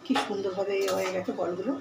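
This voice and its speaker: A woman's voice: mid-range voice, steady tone, fast talker, very noisy. Woman demonstrating cooking in an echoey kitchen. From Bengal. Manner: chatty, talks viewers through each step. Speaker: home cooking channel host. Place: home kitchen.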